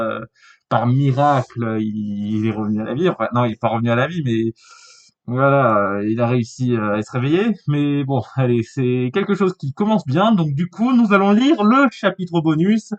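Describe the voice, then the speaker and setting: A man's voice: mid-range voice, a little mellow. A tired man reading a fan novel aloud, stopping often for rambling, filler-heavy asides. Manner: rambling, many fillers and restarts. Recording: dull lo-fi mic.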